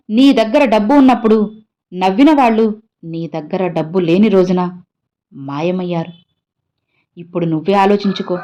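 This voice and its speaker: A woman voicing a gentle, fatherly old holy man who consoles the listener as his own child with tender, pleading words. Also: medium pitch, slight background noise, natural voice. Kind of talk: devotional message voiced in first person.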